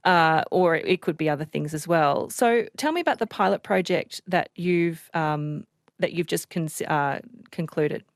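A woman's voice: low-pitched, a little slow, no room sound, studio quality. A woman hosting a radio interview, upbeat in manner. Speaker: host.

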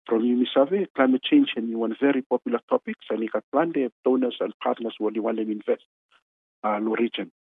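A man with a Melanesian accent giving halting interview answers in Solomon Islands Pidgin mixed with English, drawing out and repeating words. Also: medium pitch, slightly rough. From Pacific Islands. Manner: halting, with drawn-out words and repetition. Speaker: interviewee, regional meteorology official. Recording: tinny phone-like radio line.

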